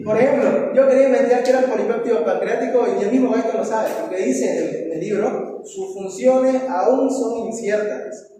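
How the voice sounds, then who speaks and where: High-voiced male teacher in an echoey hall. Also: fast talker, hardly any pauses, dark tone. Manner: quizzes students, tags lines with "¿no?". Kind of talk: classroom review lecture. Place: classroom. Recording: echoey hall, voice from far off, faint noise.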